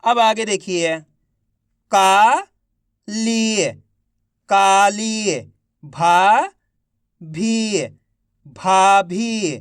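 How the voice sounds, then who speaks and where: A man teaching children to read, sounding out each syllable slowly and then drawing out the whole word, while encouraging his viewers. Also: high-pitched, fairly bright tone, clean tone, no echo, studio quality. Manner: encouraging, addresses viewers as friends. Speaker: Hindi reading teacher. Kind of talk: online reading lesson.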